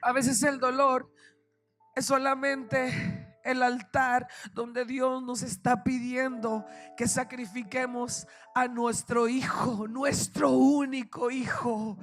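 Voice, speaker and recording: A middle-aged woman, a guest pastor, preaching an emotional sermon that swings between soft hushed telling and fervent shouted prayer. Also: sits high, flat delivery, slow. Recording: church with loud music behind. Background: music playing.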